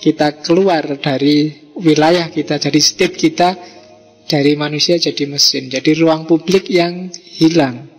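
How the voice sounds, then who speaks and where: A man's voice: on the high side, fairly even intonation, a little slow. A man with a Javanese accent giving a casual, teasing philosophy lecture to a live audience, full of rhetorical questions and local slang. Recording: hall reverb with faint music.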